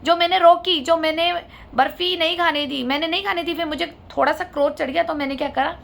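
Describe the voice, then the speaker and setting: A woman's voice: very high voice, fairly even intonation, fairly quick, creaky, a bit bright, a little hiss or hum. A woman vlogger telling her own family story to viewers, indignant and asking them to judge. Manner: indignant, appeals to viewers for their judgment.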